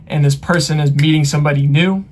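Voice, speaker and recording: A man hosting a reaction channel, casually explaining song lyrics in a relaxed way full of fillers. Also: fairly high pitch, quick pace, slight background noise. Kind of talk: casual music reaction commentary.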